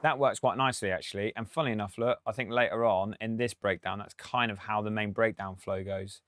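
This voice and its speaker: Male producer streaming a tutorial; casual, rambling, laughs a lot, low voice. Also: fairly even intonation, a little fast, fairly bright tone, no echo, studio quality, faint music behind. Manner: chatty, thinks aloud, laughs often. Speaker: music producer.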